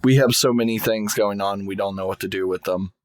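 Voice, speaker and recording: A man's voice: fairly low pitch, brisk, no room sound, clean studio sound. A man co-hosting a podcast, chatting casually with jokey, blunt short reactions. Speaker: podcast co-host.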